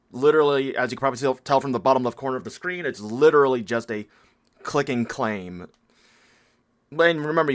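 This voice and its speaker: A game guide creator, sick with a stuffy nose, talks through a game event in a nasal, medium-pitched and fairly bright voice. His casual walkthrough rambles as he thinks aloud and corrects himself along the way.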